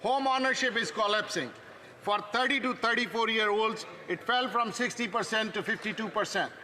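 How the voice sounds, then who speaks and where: A man's voice: sits high, moderate pace, pushed and bright. A man putting a parliamentary question in short, punchy sentences. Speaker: opposition member of parliament. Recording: reverberant hall with faint noise.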